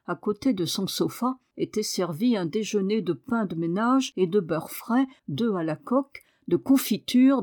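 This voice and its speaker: A woman narrating a classic children's novel as an audiobook, measured and clear. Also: medium pitch, a little mellow, dry recording, clean studio sound.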